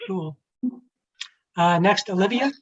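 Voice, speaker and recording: Halting woman moderating a video call. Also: on the low side, slightly rough. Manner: halting, many fillers and restarts. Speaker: livestream moderator. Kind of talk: casual moderating. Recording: slightly dull lo-fi audio.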